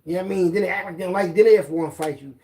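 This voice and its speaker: A man's voice: high-pitched, very fast, darkish tone. A middle-aged man with a Philadelphia accent, telling loose, rambling street stories in casual slang. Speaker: storyteller guest. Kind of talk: casual storytelling.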